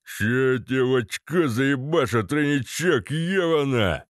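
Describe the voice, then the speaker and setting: A hulking, dim-witted ex-paratrooper thug snarls and drags out every foul-mouthed threat, put on by a man reading the story. The delivery is slow, heavy and menacing. The sound is dry and close, with no room around it. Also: mid-range voice, expressive, no room sound, lightly acted. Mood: snarling. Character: brutal thick-headed male ex-paratrooper thug.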